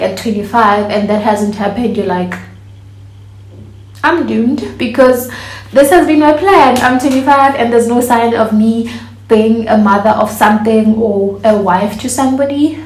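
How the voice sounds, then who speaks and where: A woman's voice: a little high, a little mellow, slight background noise. A woman, chatting casually to camera as a vlogger and laughing often. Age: 20s. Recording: echoey room.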